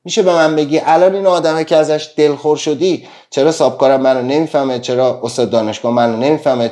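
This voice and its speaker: A man's voice: mid-range voice, dark tone. Man, self-help speaker on a live stream, earnest, full of rhetorical questions. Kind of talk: live-stream motivational talk.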